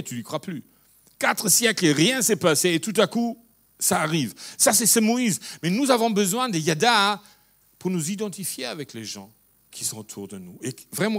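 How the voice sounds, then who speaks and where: German-accented pastor, high voice. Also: male voice, a bit bright. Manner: earnest, halting with restarts, mixes in English phrases. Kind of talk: sermon.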